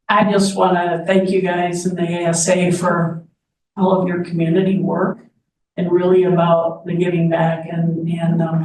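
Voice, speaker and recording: Male board chair, formal meeting delivery, even intonation, heard from off-mic with faint noise. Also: high-pitched. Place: indoor meeting room. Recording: echoey room, distant mic, background noise.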